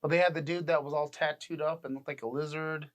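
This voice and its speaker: A man's voice: fairly high pitch, fairly even intonation, quick pace. A man in his thirties co-hosting a casual podcast, rambling and laughing often. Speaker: podcast co-host. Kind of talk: casual chat.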